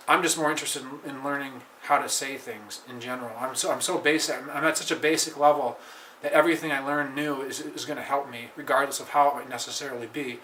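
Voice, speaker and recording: American guy doing a casual lesson, keeps restarting, repeats phrases slowly, pitch a bit high, faint hum behind. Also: pushed and bright. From United States. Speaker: language learner vlogger. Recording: echoey room, faint ambient noise.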